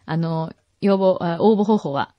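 A woman's voice: fairly low pitch, measured pace, no room sound, dull audio. A woman co-hosting a podcast in casual chat, agreeable and often laughing. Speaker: podcast co-host.

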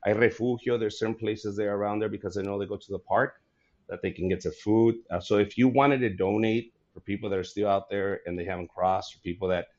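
A man in his forties, a comedian, chatting casually and telling stories in an animated, laughing way. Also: fairly low pitch, fairly quick, lo-fi sound. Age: 40s. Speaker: comedian guest. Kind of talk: casual podcast chat.

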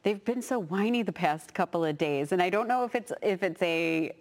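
A woman in her thirties hosting a parenting podcast in casual chat, animated and quick to act out her own frustrated parenting moments. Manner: animated, acts out her own yelling at her kids in high bursts. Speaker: podcast host.

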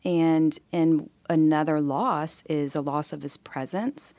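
A low-voiced woman host speaks reflectively, offering gentle advice to her listeners. Her voice sits deep for a woman. The sound is close and dry, with no room around it. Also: fairly even intonation, takes it slowly, no room sound. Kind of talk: supportive counseling talk.

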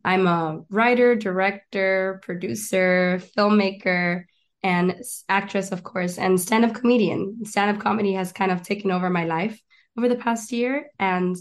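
A young woman from Miami and Argentina, an actress and stand-up comedian, appears as a guest in a casual interview chat. Her voice is on the low side, and she's chatty and eager, listing things and restarting often.

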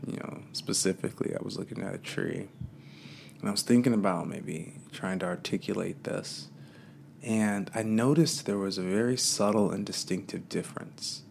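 Gravelly low-voiced man musing slowly. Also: darkish tone, slight background noise. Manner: casual, meandering, with many fillers. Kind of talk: reflective spiritual talk.

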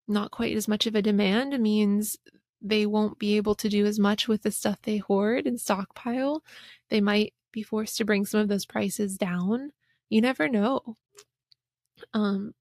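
A woman's voice: medium pitch, no echo, studio quality. A woman hosting a podcast, reading an interview aloud and commenting on it in a chatty, emphatic way. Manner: chatty and emphatic, with frequent fillers. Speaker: podcast host.

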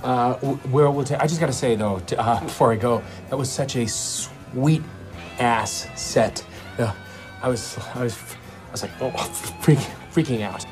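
A man playing an awkward, starstruck rock fan in a film comedy, stammering and halting as he talks. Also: mid-range voice, close to an everyday voice. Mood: flustered, apologetic. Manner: stammering, halting, tongue-tied. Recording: background music under film dialogue.

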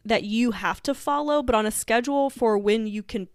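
A woman's voice: fairly high pitch, moderate pace, clean tone, dry recording, studio quality. A woman co-hosting a podcast in casual chat, talking with lots of fillers and laughs. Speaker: podcast co-host.

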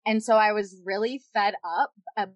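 A woman's voice: mid-range voice, moderate pace, no room sound. A woman casually telling a personal story, rambling with lots of fillers. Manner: rambling, filler-heavy, many "like"s and "yada yada".

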